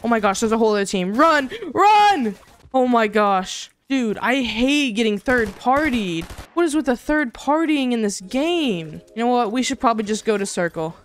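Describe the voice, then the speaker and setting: A woman giving excited gameplay commentary in a hyped, slangy gamer-bro manner. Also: a little high, fairly quick, hardly any pauses, slight background noise. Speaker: gamer, video host.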